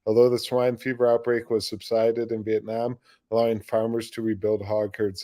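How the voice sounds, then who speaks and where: A hoarse man hosting a livestream news show, reading stories aloud and breaking off into loose, rambling commentary. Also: lowish voice, dark tone. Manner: rambling, loose, with off-the-cuff asides and restarts.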